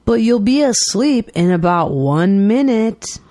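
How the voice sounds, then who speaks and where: A woman reading everyday dialogues aloud for English learners with clear, deliberate enunciation. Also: medium pitch, lively intonation, mellow, no echo. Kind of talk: slow scripted dialogue reading.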